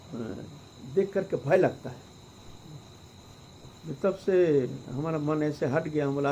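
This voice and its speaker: A man's voice: a little high, warm tone, slight background noise, rough recording. A male preacher telling a devotional story in a conversational way, with frequent fillers and rhetorical asides.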